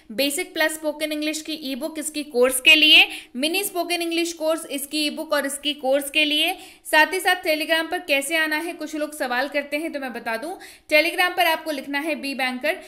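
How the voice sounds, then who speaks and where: A woman teaching English in Hindi, saying each phrase twice, slowly and clearly, for the learners to practice. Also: sits high, pushed and bright. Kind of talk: spoken English lesson in Hindi.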